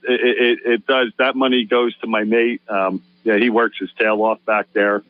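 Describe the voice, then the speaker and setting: A man's voice: lowish voice, flat delivery, normal speed. A man who runs a fishing charter, a guest on a radio show, explaining things in an easygoing way with lots of fillers. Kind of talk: casual radio interview. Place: radio studio. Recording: dry, dull lo-fi radio audio.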